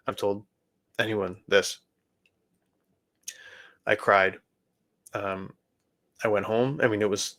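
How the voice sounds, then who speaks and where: A man hosting a podcast, telling his personal faith testimony in an earnest, halting way with many restarts. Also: lowish voice, a bit bright. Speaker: podcast host.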